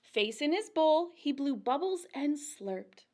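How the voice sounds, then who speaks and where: Reading a rhyming picture book for a children's storytime, this librarian speaks in a high voice at a very slow, deliberate pace. Her sing-song, expressive delivery is aimed at small listeners, and a slight hiss or hum sits under the audio.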